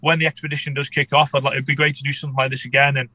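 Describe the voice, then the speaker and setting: A man's voice: mid-range voice, little pitch movement, very fast, bright, forceful tone, no room sound, low-quality recording. A man chatting casually as an interview guest, congested with a head cold so he sounds underwater. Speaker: podcast guest, amateur shark expedition filmmaker.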